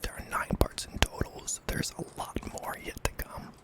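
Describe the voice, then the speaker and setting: Whispering male ASMR horror narrator. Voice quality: breathy, mostly unvoiced whisper with some creak. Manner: hushed, deliberate storytelling in short phrases.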